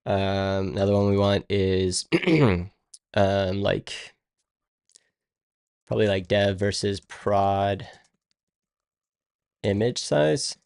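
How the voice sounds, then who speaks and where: A man's voice: fairly low pitch, fairly even intonation, drawn-out words, gravelly, long pauses, a little mellow, smooth, no echo, studio quality. A man live-streaming his coding work, thinking aloud in a rambling, casual way and muttering to himself as he goes. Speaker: live-streaming web developer.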